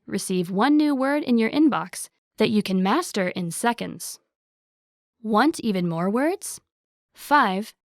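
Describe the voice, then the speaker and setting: An upbeat woman reads a scripted promo in a brisk, salesy tone. Her voice sits a little high. The recording is dry and close, with no room sound. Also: no room sound. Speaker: ad announcer.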